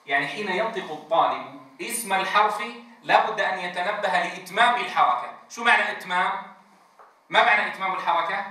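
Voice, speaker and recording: Bright-voiced man lecturing in an echoey room. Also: high-pitched. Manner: drawn-out demonstrations of letter sounds, frequent check-ins with the class. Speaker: Quran teacher trainer. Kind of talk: classroom lecture. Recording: very echoey room, distant mic.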